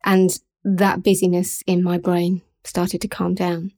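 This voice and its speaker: A middle-aged woman, hosting a podcast and speaking candidly and in a measured way about her own experiences. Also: lowish voice, monotone. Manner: candid, measured, occasional soft laughs. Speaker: podcast host. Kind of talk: personal reflective monologue.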